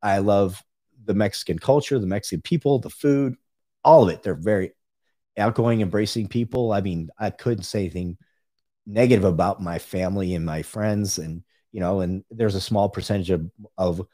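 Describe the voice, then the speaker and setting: The middle-aged man's voice is low and mellow, moving at a moderate pace. As a guest in a casual podcast chat, he tells stories emphatically and repeatedly interjects "right."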